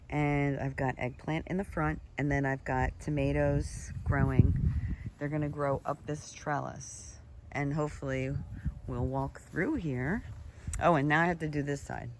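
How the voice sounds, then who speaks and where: A gardener strolls through an outdoor garden, slightly out of breath and exclaiming over the plants. The voice sits mid-range and is picked up on a handheld camera, with steady outdoor ambience behind it. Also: medium pitch, a little slow, slight background noise. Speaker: gardener showing her garden. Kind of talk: casual walking garden tour.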